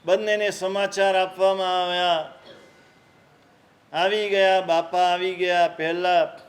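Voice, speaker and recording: A man's voice: high-pitched, flat delivery, slow pace. A man, a Jain monk, giving a sermon and acting out a story, voicing the characters' cries with rising emotion.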